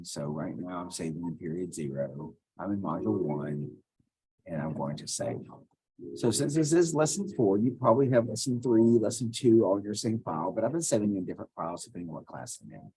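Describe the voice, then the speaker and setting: Low, mellow and slightly rough, his voice has lively intonation at a moderate pace. This male teacher casually narrates as he clicks, leading students step by step through a computer task in a screen-recorded tutorial.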